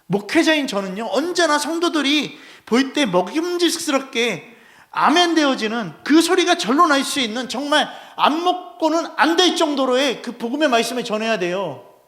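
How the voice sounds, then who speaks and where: Brief: male head pastor with a high voice, preaching a lively Sunday sermon into a pulpit mic and pressing the congregation with questions. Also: a little fast. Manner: animated, constantly addressing the congregation with rhetorical questions. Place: church sanctuary.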